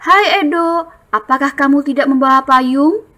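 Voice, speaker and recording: A woman voicing Benny, a friendly and generous young schoolboy, in a bright, sing-song storybook reading voice. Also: high voice, normal speed, voice pushed up. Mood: cheerful, helpful.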